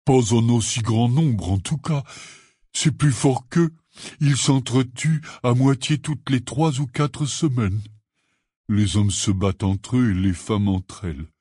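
A man reading the part of a huge, gruff but kindly half-giant gamekeeper in an audiobook, telling his tale in a rambling, earnest way. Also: medium pitch, slow pace, warm tone, no room sound, studio quality. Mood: rueful.

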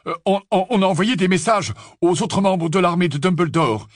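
A man's voice: sits high, moderate pace, no room sound, clean studio sound, voice pushed up, close to an everyday voice. A man voicing a cheeky teenage boy wizard who stammers a little, offhand and sheepish.

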